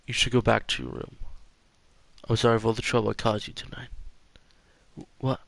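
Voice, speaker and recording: A man's voice: mid-range voice, level tone, a little fast, vocal fry, a bit bright, no echo. A man reading a visual novel aloud for a let's-play, stumbling and repeating words as he goes. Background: game music.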